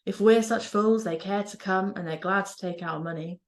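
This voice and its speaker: A woman's voice: mid-range voice, normal speed. A woman from Norfolk reciting dialect verse in a broad Norfolk accent. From Norfolk, East Anglia, England. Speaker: university lecturer.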